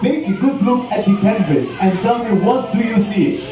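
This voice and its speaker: High-voiced male animal show trainer, very echoey. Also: expressive, moderate pace. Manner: showman addressing audience with questions and commands. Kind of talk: live bird show presenting to an audience. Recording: very echoey venue, distant, music behind.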